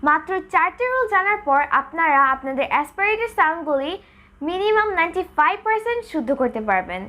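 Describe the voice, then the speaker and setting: A woman's voice: very high voice, very animated, fast, sharp tone. A young adult woman teaching spoken English, switching between Bengali and English and repeating sounds and single words to demonstrate them. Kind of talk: bilingual pronunciation lesson.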